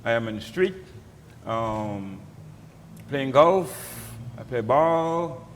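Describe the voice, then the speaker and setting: Male pastor, Crucian Virgin Islands accent, mid-pitched, plain-spoken and candid, long hall reverb. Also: lively intonation, extremely slow. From St. Croix, US Virgin Islands. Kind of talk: candid personal talk. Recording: long hall reverb, faint background noise.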